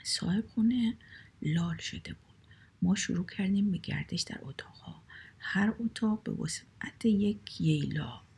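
A woman narrates a comic short story in a wry, conversational way. Her voice is strongly gravelly and breathy, with a dark, mellow tone. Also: mid-range voice. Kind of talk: storybook reading.

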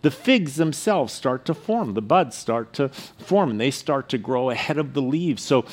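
A man's voice: mid-range voice, expressive. Man preaching at a pulpit microphone. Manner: measured, earnest, with frequent restarts and scripture read aloud. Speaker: pastor. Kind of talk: sermon.

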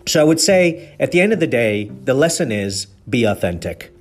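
A Kenyan man hosts a podcast, delivering an earnest, preachy motivational talk on leadership full of rhetorical questions. His mid-range voice is very animated and moves at normal speed.

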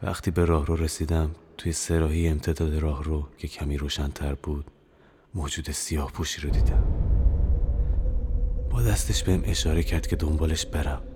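A man's voice: very deep voice, steady tone, background noise. A young man narrating his own horror audio novel in the first person, with dramatic, tense storytelling. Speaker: narrator and author.

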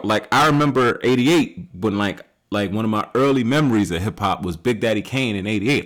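A man in his late thirties hosting a solo podcast, talking casually and rambling with many fillers and restarts, rising loud and high when he makes a point. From United States. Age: 30s. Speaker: podcast host.

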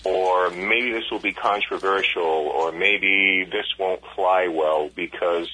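A man's voice: sits low, fairly even intonation, slow, sharp tone, breathy edge, poor audio. A man talking casually and conversationally on a radio talk show. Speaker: radio co-host and event organizer.

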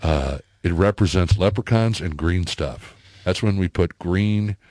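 A man as a guest on a radio show in a studio, chatting casually with wry, deadpan jokes. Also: deep voice, measured pace, dry recording. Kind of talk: casual talk-radio chat.

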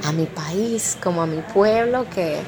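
A woman's voice: lowish voice, measured pace, background noise. A woman in her thirties from the Dominican Republic, telling her life story thoughtfully, with fillers and restarts. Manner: reflective, with frequent fillers and restarts. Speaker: interviewee. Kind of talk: personal testimony.

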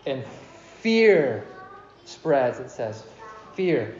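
A man preaching a sermon as pastor, animated and asking his congregation questions. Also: on the high side, a little hiss or hum. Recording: echoey, dull hall recording.

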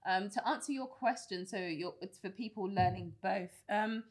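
A woman's voice: medium pitch, moderate pace. A British woman co-hosting a podcast, chatting casually with many restarts and easy laughter. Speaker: podcast co-host. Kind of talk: casual chat.

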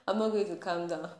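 A woman's voice: mid-range voice, a little mellow. A woman podcast host in a passionate faith-based rant, laughing between points and building to anger. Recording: roomy echo.

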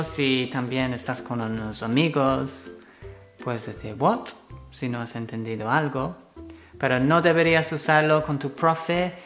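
A man who is a native English speaker, teaching English phrases in Spanish and English with slow, patient explanations. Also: medium pitch, a bit bright. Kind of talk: bilingual language lesson.

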